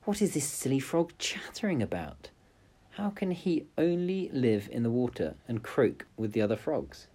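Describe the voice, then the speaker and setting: A man voicing a spoiled, squeamish young princess in a storybook reading, high and pleading. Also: very animated, moderate pace, warm tone, slightly rough.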